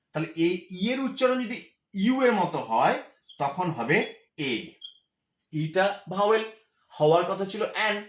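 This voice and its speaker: A man's voice: high-pitched, roomy sound. A male teacher explaining English grammar in a patient lesson, repeating each point and asking and answering his own questions. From West Bengal, India.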